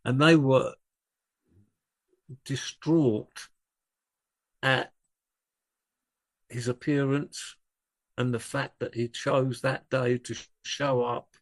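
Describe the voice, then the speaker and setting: Slow and marked by long pauses, this older male drummer talks in a mid-range voice with fairly even intonation. As a conversation guest, he wanders through laid-back anecdotes, often going back to fix what he just said.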